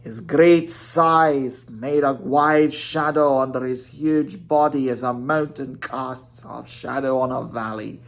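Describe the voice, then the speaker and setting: Storyteller, dramatic reading, theatrical and weighty, drawn-out stresses, very unhurried, mid-range pitch. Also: steady tone.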